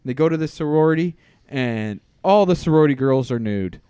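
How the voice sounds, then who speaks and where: A man's voice: a little high, lively intonation, fairly quick, warm tone, clean tone, dry recording. A man from Canada in his thirties co-hosting a podcast in casual chat, blunt and crude, his sentences trailing off into mutters. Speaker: podcast co-host.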